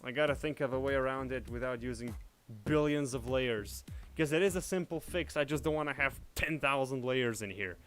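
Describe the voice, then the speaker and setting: A young man from Indonesia chats casually as he works, muttering each step half to himself at an ordinary middle pitch. He speaks from a room at home. Faint music plays underneath his voice. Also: brisk, a bit bright. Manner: thinks aloud, muttering steps as he works. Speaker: livestreaming 3D artist. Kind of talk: casual livestream narration while working. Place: home room shared with family.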